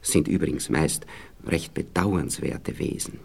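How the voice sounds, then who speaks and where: With an extremely low pitch and a measured pace, an actor uses an Austrian accent to play a pompous, moralizing husband in a radio drama, condescendingly explaining things to his young wife while fumbling for the right words. The exaggerated voice carries vocal fry and a breathy edge.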